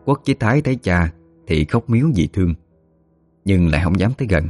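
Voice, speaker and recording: A man with a deep voice and a Southern Vietnamese accent narrates a ghost story at a steady pace. Faint music plays under his voice. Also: a little fast.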